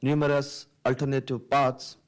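A man's voice: medium pitch, level tone, moderate pace. Middle-aged man reading an essay. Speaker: panel speaker, writer. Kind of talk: reading a prepared essay aloud. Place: library meeting room with seated audience. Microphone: table microphone.

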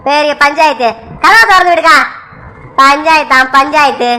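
A woman's voice: high-pitched, moderate pace, pushed and bright, a little hiss or hum. A woman voicing a brash, idle young village man who argues and whines as he demands to be let into the house. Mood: defiant. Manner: whiny, demanding, argumentative. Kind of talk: cartoon voice acting.

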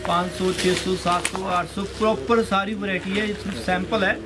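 A young man pitches wholesale suits in a crowded clothing shop, pushing prices again and again. His voice sits high. Steady noise from the shop floor runs under him. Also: moderate pace. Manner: persuasive, repeats prices, mixes in Punjabi. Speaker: wholesale suit shopkeeper. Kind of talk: casual sales pitch. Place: indoor clothing shop, stacked shelves.

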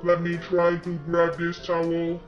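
A mechanical robot talks in an unbroken monotone with slow, evenly spaced words. The sound is muffled and echoey, as if bouncing off hard walls, and plucked guitar music plays clearly behind it. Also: male voice. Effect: robot voice, flat pitch.

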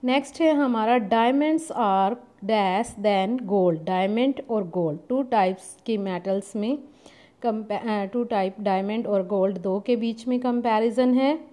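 A woman, patiently explaining a grammar lesson step by step and reading example sentences slowly. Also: mid-range voice, dark tone. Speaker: English teacher.

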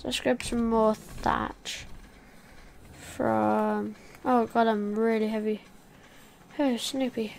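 A woman's voice: fairly high pitch, gravelly, a little mellow. A woman giving casual gameplay commentary, chatting to the creatures in her game. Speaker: gamer.

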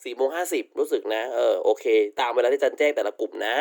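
This recorded online vocabulary lecture comes from a male university English teacher who talks fast in a medium-pitched, darkish voice. He fondly calls his students "child" and leans repeatedly on polite tag particles.

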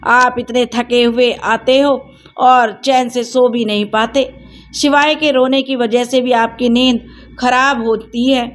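Woman playing a gentle, teasing young woman. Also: on the high side, steady tone, slow pace. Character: young woman, cheerful, teasing sister-in-law type.

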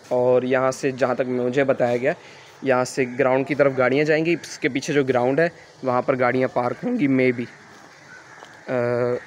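With a mid-range voice and a little hiss or hum on the audio, a young Karachi student vlogger with an Urdu accent leads a casual campus tour. He films outdoors on a construction site with a handheld phone camera, often hesitating and filling pauses with "uh" as he thinks aloud.

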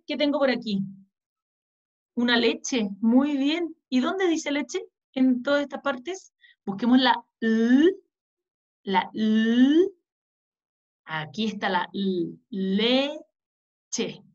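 A woman's voice: a little high, a little mellow, dull audio. A woman teaching an early-reading lesson to young children, patiently sounding out letters and words and asking them to read along.

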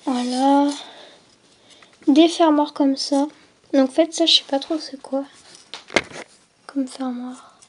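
Young woman, high-pitched, slow, casual haul vlog, faint background hiss. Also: fairly even intonation. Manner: lists items one by one, often drops to a near whisper; hesitant, with frequent fillers and self-corrections. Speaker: vlogger showing a craft supply haul.

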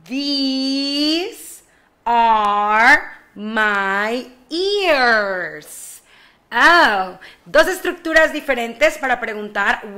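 Teaching little kids online, a young woman with a high, bright voice slowly draws out each model phrase and slips in playful asides. She works as a kindergarten ESL teacher, mixing English and Spanish, and sits in a room at home in front of a slide screen.

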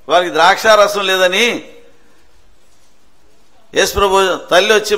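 A man preaching a sermon in a church prayer hall, speaking. His voice sits high and sounds bright and forceful. He asks rhetorical questions, answers them himself, and hammers key phrases home by repeating them.

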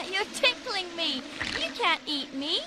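A woman's voice: very high-pitched, very animated, takes it slowly, very noisy, heavily acted. A woman voicing a playful, childlike girl in an anime dub, giggling and teasing. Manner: giggling, teasing, sing-song. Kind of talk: English anime dub acting.

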